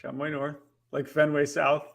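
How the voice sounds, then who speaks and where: A man co-hosting a casual talk show, laughing often and talking in a brisk, playful way. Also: fairly high pitch, completely flat delivery, vocal fry, fairly bright tone. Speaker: co-host. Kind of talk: casual chat.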